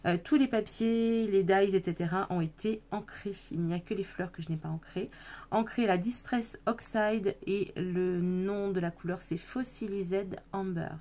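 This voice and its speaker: With a dark tone and medium pitch, a woman speaks at a normal speed as she presents her handmade scrapbook album. She chats casually to her viewers, filling gaps with fillers and frequently correcting herself in this craft show-and-tell.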